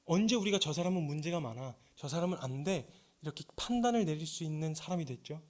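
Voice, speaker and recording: A man preaches in a church, his voice pitched high for a man. He tells his story with feeling, sinking to soft, hushed confession and then climbing into fervent, pleading appeals. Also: lively intonation, fast. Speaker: missionary preacher. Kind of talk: sermon with personal testimony. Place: church sanctuary.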